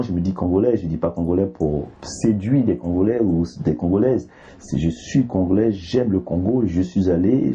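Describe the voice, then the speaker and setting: Man from Côte d'Ivoire, interview guest, hesitant with fillers, dark mellow tone, slightly muffled recording. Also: sits low, slightly rough. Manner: hesitant, with many fillers and restarts. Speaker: artist guest. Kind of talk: interview conversation. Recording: slightly dull, faint background noise.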